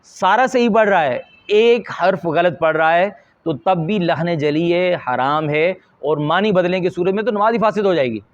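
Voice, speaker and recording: A man, a Quran teacher from Pakistan, explains pronunciation mistakes to teachers in an earnest, deliberate instructional talk. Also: high voice. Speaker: Quran teacher and madrasa supervisor. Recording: slightly dull lo-fi audio.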